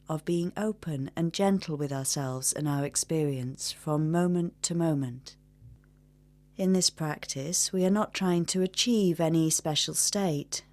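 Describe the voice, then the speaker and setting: Speaking in a lowish voice, a woman offers gentle, measured guidance through a meditation. She leaves long pauses between one instruction and the next.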